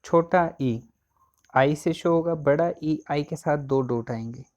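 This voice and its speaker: A man's voice: fairly high pitch, slow, a little mellow. A man teaching an exam coaching lesson, asking questions and answering them himself. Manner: asks and answers own questions.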